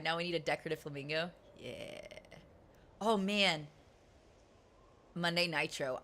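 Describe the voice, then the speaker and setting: A woman game streamer chatting casually with her live audience, giggly and animated, laughing often. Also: lowish voice.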